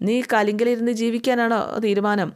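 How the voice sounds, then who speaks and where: A woman's voice: a little high, level tone, a little fast, smooth, voice pushed up, close to an everyday voice. A woman voicing a blunt middle-aged man who lectures his nephews in a retold family story. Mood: lecturing. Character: older man, blunt scolding uncle figure.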